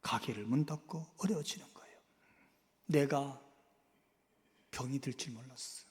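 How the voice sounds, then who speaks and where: A male pastor preaching a sermon, swinging from loud, emphatic outbursts to hushed, whispered asides. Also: medium pitch, unhurried, big-room sound. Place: church sanctuary.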